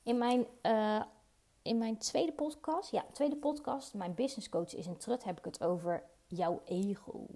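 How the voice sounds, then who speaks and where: Unhurried and mellow, this woman's voice sits on the high side. She hosts a reflective solo podcast, recorded on a podcast mic, where she speaks personally and earnestly about emotions, with frequent fillers and repeated words.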